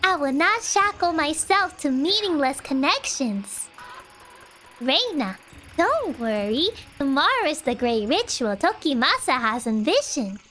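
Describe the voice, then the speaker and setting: A woman voicing a creepy calm, unsettlingly serene cultist mother, reading game dialogue aloud with slow menace. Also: high-pitched, a little hiss or hum, heavily acted. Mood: soothing menace.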